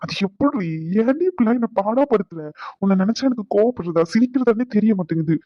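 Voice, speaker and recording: A woman's voice: a little high, fast, dry recording, close to an everyday voice. A woman voicing a weary, exasperated young husband for a cartoon. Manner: weary, pleading. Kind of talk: cartoon voice acting. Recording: dull lo-fi recording.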